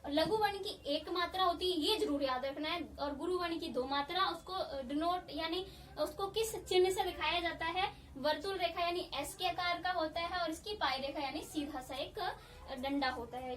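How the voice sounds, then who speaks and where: A woman teaching a grammar lesson, explaining slowly and patiently and repeating key points. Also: very high-pitched, fairly bright tone, far from the mic. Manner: patient, repeats key points, often says "theek hai".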